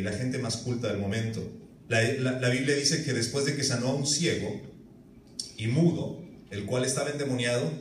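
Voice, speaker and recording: A man, preaching a sermon as pastor, telling lively stories and acting out voices. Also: mid-range voice, a little hiss or hum. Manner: animated storytelling with acted-out voices. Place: church hall. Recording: echoey church room, mic at a distance.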